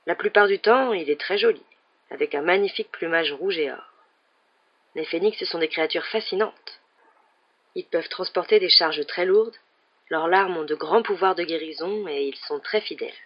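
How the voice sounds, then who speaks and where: A man voicing an old wizard headmaster who speaks calmly and gently, in a storybook reading. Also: high-pitched, moderate pace, dull audio. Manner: calm and gentle. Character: old male headmaster wizard, calm and grave.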